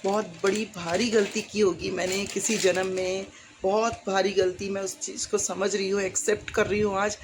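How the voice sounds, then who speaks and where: Earnest middle-aged woman, casual heartfelt talk to camera, mid pitch. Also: level tone, normal speed, noisy background. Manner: earnest, heartfelt, rambling with many fillers. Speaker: YouTuber.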